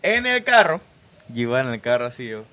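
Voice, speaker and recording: A man's voice: mid-range voice, big pitch swings, a little fast, pushed and bright, slight background noise. A man, telling a story in casual chat and quoting himself along the way. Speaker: podcast co-host.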